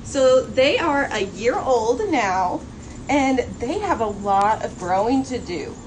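A woman's voice: on the high side, expressive, slow pace, poor audio. A woman presenting her baby snakes on a children's animal show, cheerful and explanatory. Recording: audible background noise.

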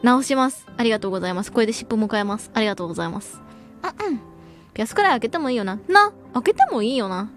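A woman's voice: on the high side, expressive, fast, soft background music. A young woman streaming as a VTuber, chatting casually and reading viewer comments, laughing often and using slangy speech.

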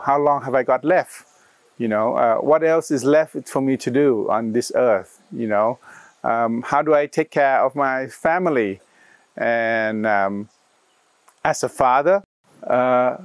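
A man in his fifties from Australia, telling his personal story in an interview outdoors, pausing often with fillers and restarts. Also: mid-range voice, dry recording. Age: 50s. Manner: halting, many fillers and restarts. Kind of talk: reflective personal account. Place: outdoors in a leafy garden.

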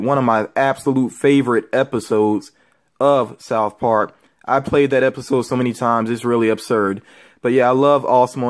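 A man who vlogs about collectibles, talking casually as he shows things to viewers. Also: mid-range voice. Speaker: toy collecting vlogger. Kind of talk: casual show-and-tell chat. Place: indoor room with shelves of figures.

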